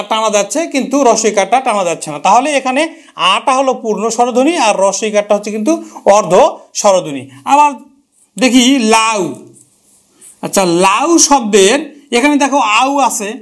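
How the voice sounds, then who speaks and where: A man's voice: sits high, normal speed, fairly bright tone. A man teaching a grammar lesson who repeats key terms and asks and answers his own questions.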